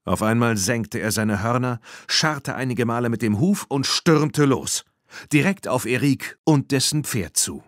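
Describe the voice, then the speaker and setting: A man narrating a children's audiobook in an expressive storytelling manner. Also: mid-range voice, unhurried, no echo, clean studio sound. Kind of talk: scripted narration.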